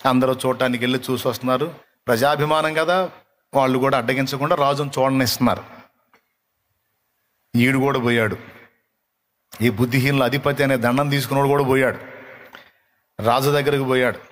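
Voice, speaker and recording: Animated male preacher telling a story. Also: medium pitch, a little fast, long pauses. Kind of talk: sermon storytelling.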